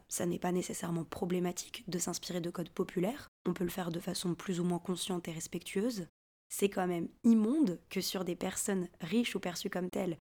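A woman hosting a podcast, reading a scripted narration in a clear, essay-like way. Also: mid-range voice, mellow. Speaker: podcast host.

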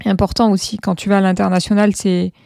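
A woman's voice: mid-range voice, level tone, fairly quick, gravelly, dark tone, no room sound, studio quality. A woman hosting an interview, chatting casually and telling personal anecdotes. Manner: conversational, tells personal anecdotes. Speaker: interviewer, account host.

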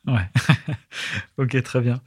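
Mid-pitched man hosting a podcast. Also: drawn-out words, breathy edge, no room sound, clean studio sound. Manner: short backchannels, laughs along. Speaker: podcast host. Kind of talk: interviewer.

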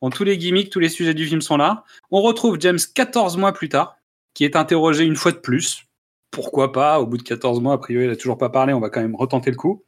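A man co-hosting a casual film review podcast, sarcastic and quick with jokes, laughing often. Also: a little high. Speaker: podcast co-host.

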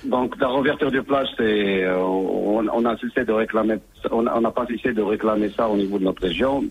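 A man calling in to a radio show over the phone, speaking haltingly and often restarting his words. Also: fairly low pitch, husky. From Morocco. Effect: caller on a phone line into a radio show.

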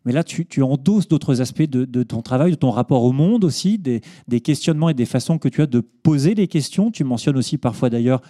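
A man's voice: medium pitch, animated, brisk, hardly any pauses, mellow, no echo, studio quality. A man interviewing a journalist, asking long, elaborate, analytical questions.

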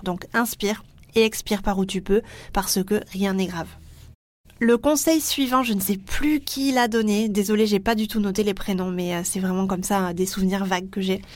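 A young adult woman with a French accent hosting a solo podcast, talking earnestly and encouragingly with many fillers and restarts. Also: mid-range voice. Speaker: podcast host and teacher trainer.

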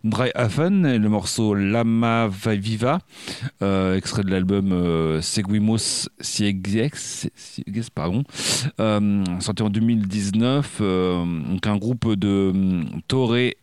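A man's voice: on the low side, slow pace, a little mellow, clean tone, no room sound, clean studio sound. A man co-hosting a music radio show, talking casually and hesitantly, with many fillers and restarts. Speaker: radio co-host.

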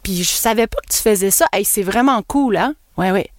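A woman's voice: medium pitch, fairly quick, no room sound, clean studio sound. A woman with a Québécois accent hosting her own solo podcast as an NLP coach, talking casually and playfully, swooping up and down and laughing at herself. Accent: Québécois French. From Quebec.

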